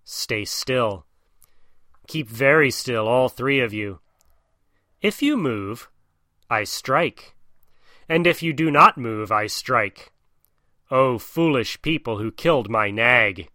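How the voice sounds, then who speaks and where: A man's voice: medium pitch, expressive, slow, long pauses, pushed and bright, no echo, clean studio sound. A man voicing a cold, vengeful female cobra who hisses her threats in a storybook reading. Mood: threatening. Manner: hissing, threatening.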